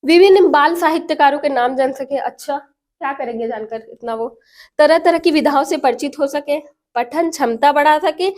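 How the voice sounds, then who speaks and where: A woman teacher going through exam practice questions, asking the class questions and answering them herself. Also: high-pitched. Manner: explains each option by asking and answering herself. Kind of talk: exam prep lesson.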